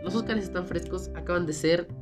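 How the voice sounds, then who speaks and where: A woman's voice: on the low side, a little fast, music in the background. A woman with a Mexican Spanish accent hosting a casual solo podcast, rambling and self-mocking, with a cold and a sore throat. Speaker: podcast host.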